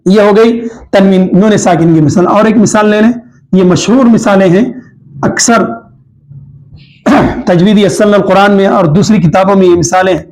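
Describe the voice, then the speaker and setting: A man with a Hyderabadi Urdu accent teaching a tajweed lesson, explaining each rule slowly and repeating the examples. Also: sits high, fairly even intonation, darkish tone, poor audio. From India. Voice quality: clears throat now and then. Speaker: Quran recitation teacher.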